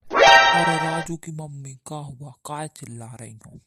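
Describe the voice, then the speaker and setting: A woman voicing a patient older husband who calms his wife in rustic speech. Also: sits low, slow pace, dry recording, faint music behind, heavily acted. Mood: soothing. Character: calm older father-in-law, the husband.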